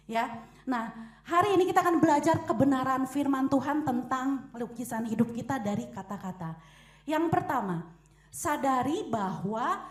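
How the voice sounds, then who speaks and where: A young woman preaching a lively sermon in a church hall, acting out quotes and echoes. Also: high-pitched.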